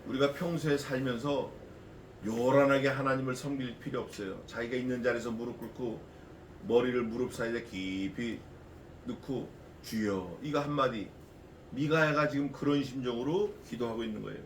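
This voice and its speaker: A man's voice: medium pitch, a little fast, a little hiss or hum. Echoey, folksy male pastor preaching. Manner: folksy, animated preaching with rhetorical questions. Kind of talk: expository sermon. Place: church sanctuary. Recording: echoey church from a distance.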